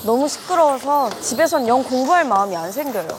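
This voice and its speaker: A woman's voice: sits high, lively intonation, fairly quick. A woman playing a whiny, irritated schoolgirl. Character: grumpy young girl complaining about noise.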